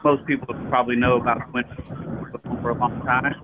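A man's voice: medium pitch, level tone, fairly quick. A man calling in to a radio show as a golf teaching pro, chatting in a friendly, casual way over a clipped phone line with a bad connection. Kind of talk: casual radio call-in chat. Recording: noisy tinny phone line.

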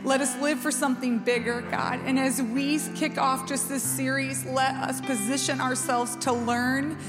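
A woman's voice: high-pitched, level tone, moderate pace. A woman leading a spoken prayer, earnest, addressing God again and again. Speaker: prayer leader. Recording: long hall reverb over music.

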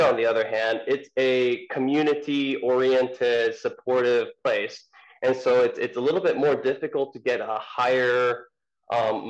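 A man's voice: medium pitch, muffled recording. A man, an ultrarunner guest, answering interview questions in a casual, hesitant way with many ums and restarts.

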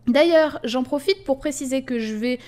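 A woman's voice: sits high, normal speed, darkish tone. A woman hosting a podcast in casual chat, explaining at length with many fillers and asides. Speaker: podcast host.

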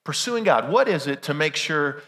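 Bright-voiced pastor preaching in a reverberant hall. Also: male voice, on the high side, expressive, normal speed. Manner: conversational preaching with rhetorical questions. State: weak, strained voice from illness. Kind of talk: Sunday sermon to a congregation. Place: large church room during a service.

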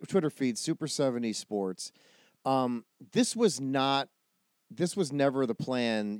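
A man with a medium-pitched voice hosts a casual podcast chat. He teases and jokes as he asks his questions, recorded very dry with no room sound. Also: a little mellow, smooth, no echo. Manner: joking, teasing. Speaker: podcast host.

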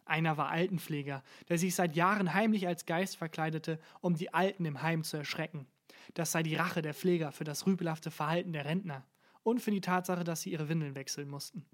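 A narrator reading a satirical first-person story in a dry, deadpan way. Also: mid-range voice, a little fast.

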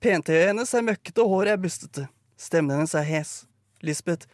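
A man narrating a live comedic radio play, reading brisk, dry stage directions. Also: high-pitched, lively intonation, dry recording.

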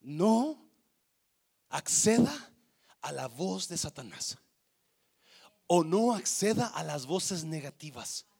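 A male pastor preaching a sermon with passion, calling out to the congregation and swinging from hushed to shouting. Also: a little high, sing-song, slow pace, vocal fry, long pauses, husky. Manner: calls out to congregation.

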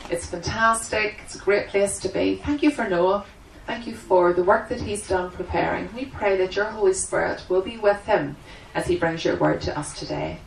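A woman's voice: medium pitch, normal speed, creaky, few pauses. Woman giving a live interpreter voice. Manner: speaks in the first person for the signer, with plain restarts and fillers. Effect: live interpreter voice, speaking aloud for a signer. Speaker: sign language interpreter. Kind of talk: live voicing of a signed church seminar. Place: large meeting room with an audience. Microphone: microphone at the front of the room. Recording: distant mic with faint room noise.

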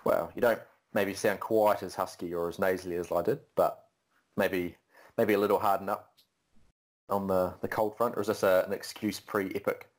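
A man with a very low voice co-hosts a podcast in a relaxed, joking way. He explains things loosely, leaning on filler words. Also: normal speed. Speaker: podcast co-host. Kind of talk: casual podcast chat.

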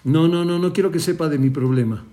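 A woman's voice: low voice, brisk, warm tone, lightly acted. A man voicing an anxious, secretive young woman who pleads insistently, in a spoken parable. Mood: pleading.

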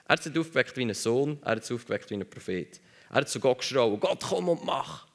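A man's voice: mid-range voice, fast. A man preaching a sermon emphatically, repeating phrases for stress.

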